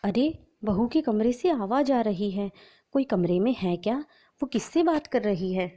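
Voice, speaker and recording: A woman's voice: medium pitch, lively intonation, unhurried. A woman voicing a blind elderly mother-in-law who calls out plaintively in a storybook narration. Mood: puzzled, calling. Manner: calling out loudly, plaintive.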